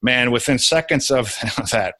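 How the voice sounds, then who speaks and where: A man's voice: mid-range voice, unhurried, sharp tone, dry recording. A young adult man, a podcast guest, telling a personal story in casual conversation with many restarts.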